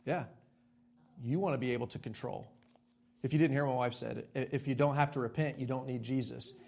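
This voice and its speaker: A man's voice: mid-range voice, fairly even intonation, brisk, creaky, darkish tone. A male pastor preaching a sermon in a church sanctuary in a conversational way, asking his congregation rhetorical questions.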